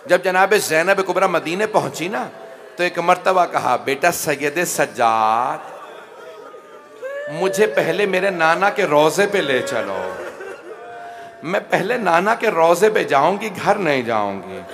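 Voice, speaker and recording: A man preaching a mournful majlis sermon as a cleric, rising into loud wailing cries and then softer pleading prayers before a congregation. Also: fairly high pitch, lively intonation, takes it slowly. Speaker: Shia cleric reciting a majlis.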